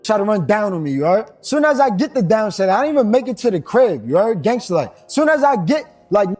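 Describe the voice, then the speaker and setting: A man tells a long, rambling story in a high voice, checking in with his listener again and again. His talk is loose and streetwise. Faint music plays behind him. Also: very animated, brisk, darkish tone. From New York. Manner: rambling, streetwise, keeps asking "you heard?". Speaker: storyteller in a played clip. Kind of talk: casual storytelling.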